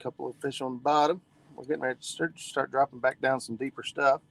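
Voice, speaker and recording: A man's voice: medium pitch, fairly even intonation, fast, creaky, a bit bright, low-quality recording. A man in his forties hosting a fishing livestream from a boat, chatting casually and reading viewer comments. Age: 40s.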